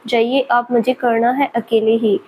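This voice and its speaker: A woman's voice: fairly high pitch, flat delivery, unhurried, darkish tone, a little hiss or hum, natural voice, poor audio. A woman voicing a spirited young female student who pleads and pouts. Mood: pouty. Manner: pleading, pouty.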